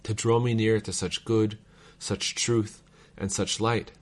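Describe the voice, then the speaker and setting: A man reading old letters aloud in a measured, formal cadence, as a reader of devotional texts. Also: lowish voice, level tone.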